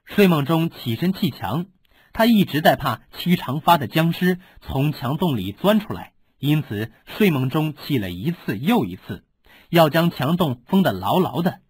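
A man reads a martial-arts audiobook with animated, lively storytelling. His voice is husky, recorded dry and close. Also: on the high side, normal speed, no room sound. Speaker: audiobook narrator. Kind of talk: scripted narration.

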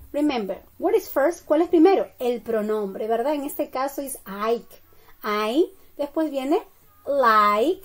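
A woman English teacher giving a slow bilingual classroom lesson, drilling each phrase and checking in with "okay?" and "right?". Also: high-pitched. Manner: slow, deliberate drilling with frequent "¿ok?" and "¿verdad?" checks.

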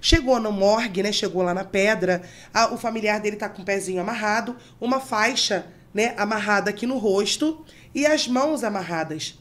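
A woman's voice: medium pitch, normal speed, fairly bright tone. A woman guest on a podcast, an embalming instructor telling work stories and explaining technical terms to listeners. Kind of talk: podcast storytelling.

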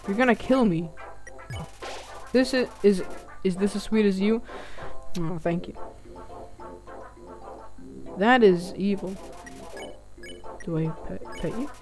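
A woman chats through a video game in a casual let's-play, reading the on-screen text aloud and reacting in short asides. Her voice sits at an ordinary middle pitch. Faint game music plays behind her. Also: darkish tone. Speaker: gaming channel host.

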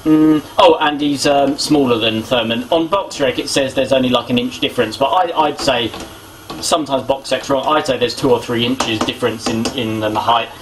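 A young British man, a boxing vlogger, offers casual sports opinions while haltingly thinking aloud. He has a mid-range voice and is recorded in a small domestic kitchen on a camera mic, with clear background noise in the homemade audio.

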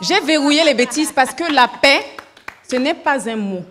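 A woman from Cameroon giving a playful, theatrical speech to a minister on a TV show, stressing her words slowly. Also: sits high, animated, fairly bright tone. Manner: playful, theatrical, slow emphatic delivery.

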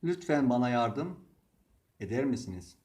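A man teaching English vocabulary, reading each word and example sentence slowly and deliberately. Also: medium pitch, very animated, a little mellow. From Turkey. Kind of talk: slow vocabulary lesson.

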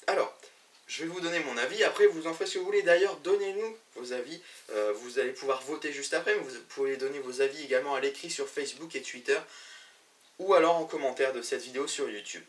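A fairly high-pitched man hosts a gaming news show, talking to camera in a loose, chatty way. He fills his sentences with hesitations and restarts. His voice sits a little back from the mic in an indoor studio. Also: quick pace, far from the mic. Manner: chatty, many fillers and restarts. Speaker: web show host.

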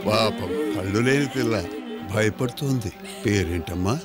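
A man's voice: lowish voice, measured pace, over loud music, lightly acted. A man voicing a kindly, fatherly figure who soothes and coaxes a frightened blind girl, in a dubbed film. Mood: soothing. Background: loud film score.

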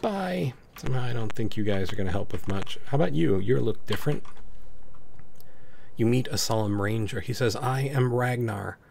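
A man's voice: lowish voice, expressive, moderate pace, creaky, a little mellow, a little hiss or hum. A man hosting a let's play, reading the on-screen dialogue aloud and adding dry comments.

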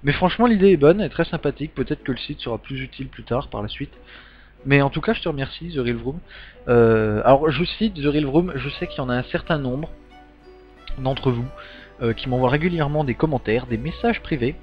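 A man's voice: medium pitch, animated, brisk. A man giving a casual update to his gaming channel's subscribers, rambling with many ums and restarts. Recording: dull lo-fi sound with faint music.

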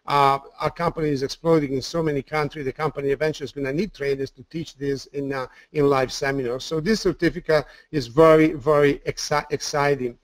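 A man's voice: on the high side, dry recording. A man with an Italian accent giving an enthusiastic sales webinar presentation, often repeating words and using fillers.

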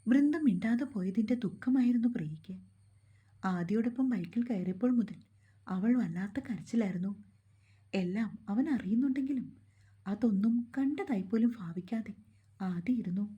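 Female storyteller, steady calm reading, mellow and husky tone. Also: mid-range voice, moderate pace, lo-fi sound. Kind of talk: scripted narration of a romance novel.

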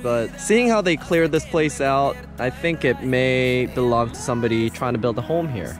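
A man in his thirties narrating a casual travel vlog outdoors, upbeat and chatty, often laughing. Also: on the high side. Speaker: travel vlogger. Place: outdoors at a lakeside campsite and roadside.

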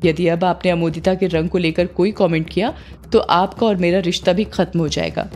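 A woman's voice: fairly low pitch, steady tone, moderate pace, darkish tone, soft background music, close to an everyday voice. A woman voicing an earnest young man who speaks firmly and bluntly in a storybook reading. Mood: reproachful.

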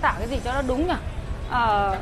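A high-voiced woman with a Northern Vietnamese accent delivers an unscripted hard-sell live pitch. She repeats herself insistently as she addresses buyers, with clear street noise around her. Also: normal speed. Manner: insistent, repetitive, addressing viewers directly. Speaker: used scooter seller hosting a live sale. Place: outdoors on a busy city street outside a shop. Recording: noisy street recording with traffic and chatter.

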